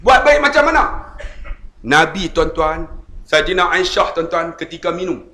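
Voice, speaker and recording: A male Malaysian preacher delivers a lively, humorous sermon, acting out voices and calling out to his listeners. His voice is high and bright, with a sharp edge. The sound echoes through a large, roomy hall. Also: normal speed. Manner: animated, addresses the audience as tuan-tuan, acts out voices. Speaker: Islamic preacher.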